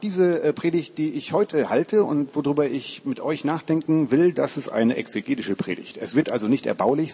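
A man's voice: mid-range voice, darkish tone, slightly rough. A man, a Bible college lecturer, giving a casual, joking sermon to a youth group. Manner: chatty, informal, joking, says "cool" often.

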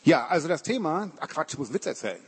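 A man's voice: a little high, big pitch swings, rapid-fire, breathy edge. A man, a Bible college lecturer, giving a casual, joking sermon to a youth group. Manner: chatty, informal, joking, says "cool" often.

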